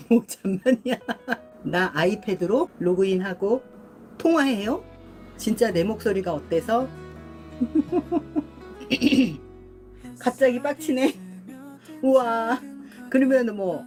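A middle-aged woman hosts a casual live stream, talking loosely to her viewers with a lively, swooping pitch. She laughs easily and clears her throat often between remarks. Music plays clearly in the background. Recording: music playing behind.

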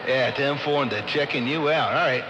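A man's voice: mid-range voice, brisk, dull audio. A man chatting over CB radio in trucker slang, making call-outs and repeating his phrases. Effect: CB radio transmission. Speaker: CB radio operator. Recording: very noisy, echoing CB radio reception.

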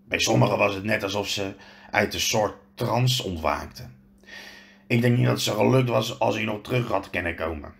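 A man reading a storybook aloud, voicing a huge, gruff but kindly male half-giant who tells his story with earnest hesitation. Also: fairly low pitch, normal speed, fairly bright tone, voice pushed down.

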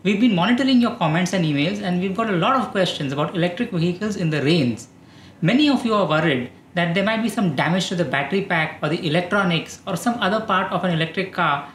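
Indian English male host, 30s, steady informative read, roomy room, slight hiss. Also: sits high, fast talker. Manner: calm, informative, steady delivery. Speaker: EV channel host. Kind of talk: explainer talking to camera. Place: dark studio, indoors.

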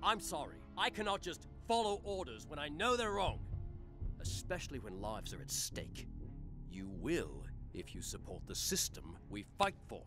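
An actor playing a loyal, frustrated clone soldier in an animated series, speaking earnestly. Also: male voice, fairly high pitch, normal speed, over music. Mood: defiant, earnest.

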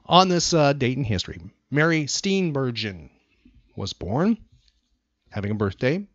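An American man hosts a laid-back trivia chat, posing questions and explaining facts in brief phrases. His mid-range voice has a sing-song lilt and a measured pace. The recording is dry, with no echo, but sounds somewhat dull and lo-fi.

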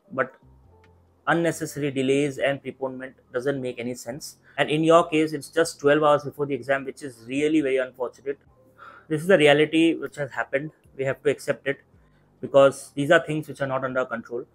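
A young adult man with an Indian accent giving earnest, measured and reassuring advice straight to camera. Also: medium pitch, rough recording. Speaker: YouTube mentor for medical exam students. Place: small indoor study room. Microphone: clip-on lapel mic.

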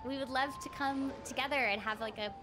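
A young woman streams a video game while chatting casually, her high-pitched voice steady in tone and a little fast. She's a streamer and voice actor, and she comes across as playful, bubbly, and giggly, with game music playing in the background.

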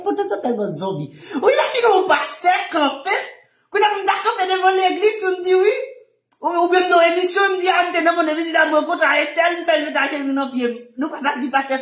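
The recording has a roomy sound: a Haitian-accented man ministers in a heated sermon, teaching as he poses rhetorical questions and shifts from hushed murmurs up to shouting.

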